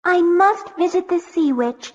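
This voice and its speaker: Woman doing a very high-voiced young mermaid. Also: unhurried. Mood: timid. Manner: high, anxious and earnest. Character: timid young mermaid girl. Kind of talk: storybook narration. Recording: dull lo-fi with soft music.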